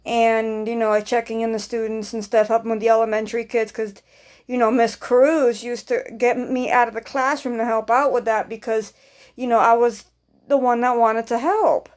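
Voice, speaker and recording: A woman's voice: fairly high pitch, steady tone, normal speed, a little mellow. A young woman vlogger telling a long casual storytime, rambling and repeating herself and swearing offhandedly.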